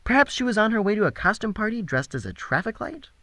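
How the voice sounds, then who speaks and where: A man reading a first-person audiobook in an expressive, wry way. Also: high voice, fast, no echo. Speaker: audiobook narrator.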